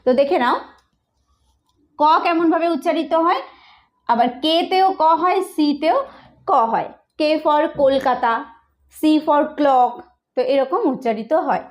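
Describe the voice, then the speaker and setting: A woman with a Bengali accent who teaches English pronunciation in an online lesson. She explains slowly and repeats each sound. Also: high voice. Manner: slow, repetitive explaining.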